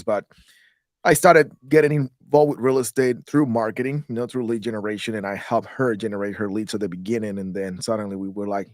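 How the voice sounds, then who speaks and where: A man's voice: lowish voice, no echo, studio quality. Man from Guatemala, casual rambling talk. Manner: rambling, repeats words when restarting. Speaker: guest, real estate investor.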